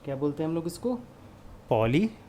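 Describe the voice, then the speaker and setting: A man's voice: mid-range voice, unhurried, a little mellow. A male chemistry teacher with a mid-range voice talks through a lesson step by step. He keeps putting questions to the class and then answering them himself. A faint hiss of background noise sits under his voice. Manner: explains step by step, asks and answers own questions, mixes in English terms. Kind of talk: classroom lecture.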